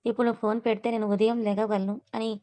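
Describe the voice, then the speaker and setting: A woman's voice: on the high side, little pitch movement, rapid-fire, warm tone, dry recording, close to an everyday voice. A woman voicing a patient, teasing young friend. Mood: coaxing.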